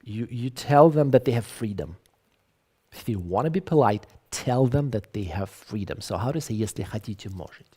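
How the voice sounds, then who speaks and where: A man's voice: on the low side, lively intonation, normal speed, mellow, slightly rough. A man teaching English in a live online lecture, acting out example phrases and repeating himself.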